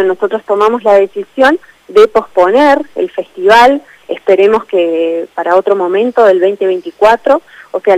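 A woman with an Argentine accent, a tourism official answering questions in a radio interview, speaking in a measured way with many fillers. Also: mid-range voice, darkish tone, no room sound, lo-fi sound. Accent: Argentine Spanish.

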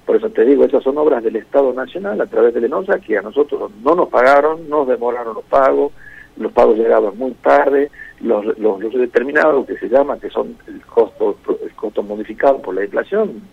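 A man's voice: mid-range voice, a little fast, creaky, husky, no room sound. A man from Argentina with an Argentine accent, a provincial minister answering radio interview questions by phone, often hesitating and repeating words before listing items with emphasis. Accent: Argentine Spanish. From Jujuy, Argentina. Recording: tinny phone line, dry.

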